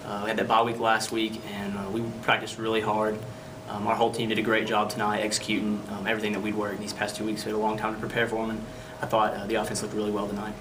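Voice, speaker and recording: A young man, a college football player, answering politely with "yes, sir" and many pauses. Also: fairly low pitch, monotone, noisy background. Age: young adult. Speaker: college running back. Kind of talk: postgame interview. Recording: distant mic.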